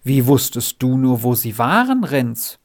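A male storyteller voicing a middle-aged farm wife who speaks in a measured, wondering way. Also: medium pitch, big pitch swings. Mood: astonished.

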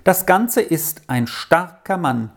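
A reader voicing an eager young boy who sets riddles, lively and exclaiming, pitched higher than the narration. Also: slow, creaky, heavily acted.

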